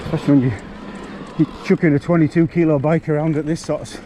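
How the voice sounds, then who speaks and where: A man's voice: on the high side, level tone, fast talker, noisy background. A man, a bit out of breath, chatting bluntly to camera while riding an e-bike up a forest trail. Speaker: mountain biking vlogger.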